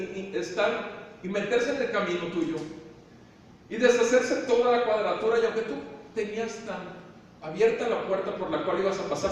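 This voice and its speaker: High-voiced Mexican pastor preaching. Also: male voice. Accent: Mexican Spanish. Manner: preaching with rhetorical questions, soft and slow at times. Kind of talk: sermon. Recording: echoey hall from far off, faint room noise.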